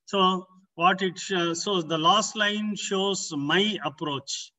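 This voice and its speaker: High-voiced man presenting research, distant mic. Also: pushed and bright. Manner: halting, explanatory delivery in short phrases. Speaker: conference presenter. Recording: distant, far from the microphone.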